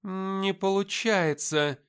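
A man's voice: sits high, slow, fairly bright tone, clear, resonant tone, voice pushed up. A man reading an audiobook voices a haughty, world-weary female angel who speaks in a commanding, solemn way. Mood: entranced.

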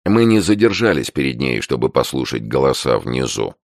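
A man reads a first-person crime story aloud in a measured, dry manner. His voice is extremely deep and gravelly, with a lively rise and fall. The recording is dry and close. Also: no echo. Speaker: audiobook narrator. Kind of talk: first-person audiobook narration.

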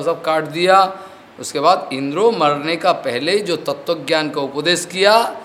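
A man with a rather high voice teaches as a spiritual teacher at an unhurried pace. He unfolds a devotional discourse through stories, mixing English words into his speech. He often stops to ask whether his listeners have understood. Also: pushed and bright.

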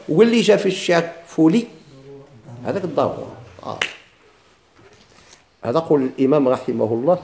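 A man's voice: on the high side, vocal fry, mellow, slight background noise. A man with a Moroccan Arabic accent teaching Arabic grammar, asking and answering his own questions and repeating examples. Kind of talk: classroom explanation of a grammar text.

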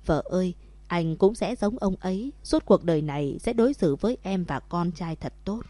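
A woman's voice: fairly low pitch, animated, moderate pace, warm tone, no room sound, lightly acted. A woman reading the lines of an earnest husband making a promise to his wife in a storybook.

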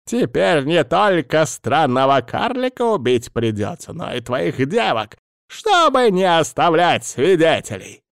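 Man doing a nasty old male healer, shrill, raised pitch, gloating, snarling, slow and loud. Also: big pitch swings, vocal fry, dry recording, clean studio sound, full character voice.

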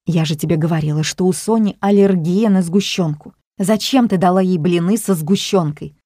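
A woman's voice: on the low side, moderate pace, no room sound, studio quality, natural voice. A woman doing a furious, frazzled mother. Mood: exasperated. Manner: shouting, exasperated.

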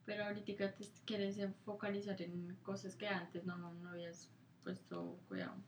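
A woman, co-hosting a casual chat and asking quick, lively questions. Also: fairly low pitch, a little hiss or hum. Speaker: podcast co-host. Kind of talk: casual conversation.

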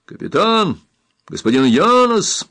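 A man reading aloud, voicing a loyal male servant with eager, shouted calls in an adventure audiobook. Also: medium pitch, expressive, normal speed, no room sound, pitched above the performer's own voice, close to an everyday voice.

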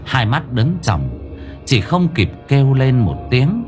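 A man narrating a horror audiobook in a dramatic, drawn-out storytelling manner. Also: mid-range voice, very animated. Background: faint music.

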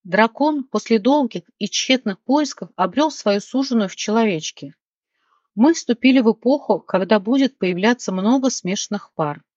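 A woman's voice: a little high, lively intonation, normal speed, darkish tone, dry recording, highs cut off. A woman voicing an assertive woman making a pronouncement in an audiobook. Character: self-assured, declaiming female character.

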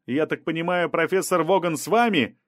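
A man voicing a persistent male newspaper reporter who keeps shouting questions. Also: on the high side, fairly quick, no room sound, studio quality, voice pushed up, lightly acted. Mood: pushy, shouting.

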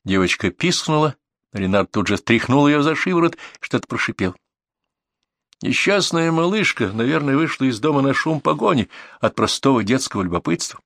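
Male audiobook narrator, gravelly, tense storytelling, dry close booth. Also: mid-range voice, lively intonation, normal speed, a bit bright, no echo. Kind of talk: first-person audiobook narration.

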